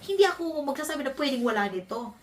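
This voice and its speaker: A woman from the Philippines, a vlogger, telling a personal story in an animated, emphatic way, often breaking into laughter. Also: high voice, fast, far from the mic. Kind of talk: casual storytelling.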